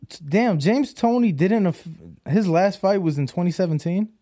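A man's voice: sits high, lively intonation, moderate pace, mellow. A man co-hosting a podcast in casual, informal chat with plenty of slang. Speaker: podcast co-host.

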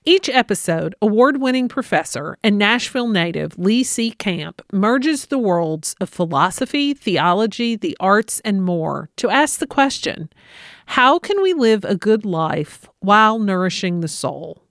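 A woman's voice: medium pitch, animated, measured pace, dry recording, clean studio sound. A woman podcast host reading a promo in an upbeat, friendly way.

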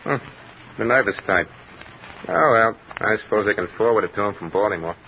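An actor playing a brisk, informal night warehouse clerk in an old radio drama. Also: male voice, on the low side, expressive, gravelly. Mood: businesslike. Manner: informal, clipped, businesslike. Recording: muffled old radio recording, faint hiss.

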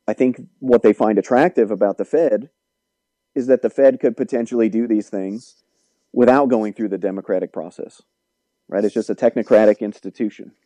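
Male economist guest, lectures calmly, deep mellow tone, dry studio sound. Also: dry recording, rough recording. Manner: measured, lecturing. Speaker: economics professor. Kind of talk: explanatory interview answers.

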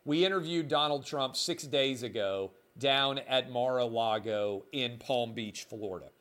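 Man, middle-aged, solo podcast host, emphatic, indignant, sarcastic, medium pitch. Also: measured pace, a bit bright. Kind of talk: solo opinion podcast monologue.

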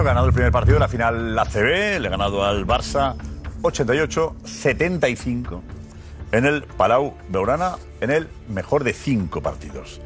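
Chatty Spanish TV sports host. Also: male voice, medium pitch. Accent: Spanish from Spain. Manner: chatty, animated, informal asides. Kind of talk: live sports talk show opening. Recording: music bed underneath.

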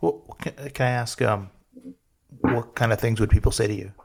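A man's voice: mid-range voice, fairly even intonation, moderate pace, gravelly. A man hosting an interview podcast, asking questions casually with hesitant repeats. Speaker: podcast host.

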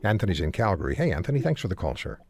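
A man's voice: on the low side, big pitch swings, racing, darkish tone, husky, no room sound. Firm male radio talk host. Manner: firm, interrupts and repeats points. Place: radio studio.

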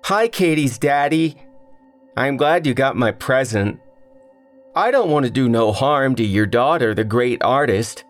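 A man doing a gravelly childlike killer. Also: unhurried, faint music behind, close to an everyday voice. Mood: gleeful. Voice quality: high-pitched yet gravelly, like an excited kid. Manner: singsong, repeats words. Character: childlike masked male killer, gleeful and menacing.

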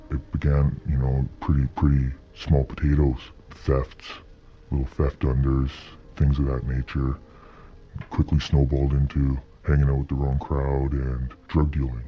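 A man giving a candid interview in a disguised, artificially deepened voice, speaking haltingly and often checking in with "right?". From Canada. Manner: halting, frequent "you know" and "right?". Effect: pitch-lowered anonymity disguise. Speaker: interview guest, former gang member. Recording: muffled, dull lo-fi processed sound.

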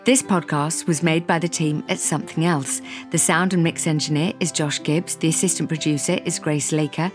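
Woman, deep voice, playful podcast host, faint music behind. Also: fairly even intonation, normal speed, hardly any pauses. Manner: playful, teasing. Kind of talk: casual chat.

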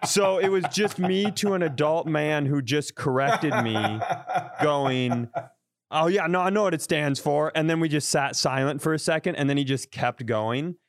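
With a fairly high pitch and normal speed, a man co-hosts a podcast via video call using a podcast mic. He tells a self-deprecating story casually and rambles, restarting frequently.

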